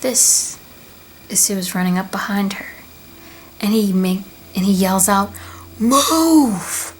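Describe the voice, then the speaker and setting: A woman narrating a storybook tale with soft, deliberate pauses. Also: medium pitch, level tone, slight background noise. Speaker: storyteller and video creator.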